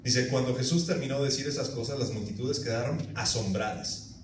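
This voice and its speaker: Man, pastor preaching, lively storyteller, echoey church, mic a bit far off. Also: medium pitch, a little fast, slight background noise. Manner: animated storytelling with acted-out voices. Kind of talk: sermon. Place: church hall.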